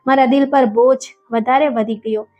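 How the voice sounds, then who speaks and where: High-voiced woman telling a sad story. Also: steady tone, normal speed. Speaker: storyteller narrator. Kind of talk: scripted emotional first-person story narration. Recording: dull lo-fi with faint music.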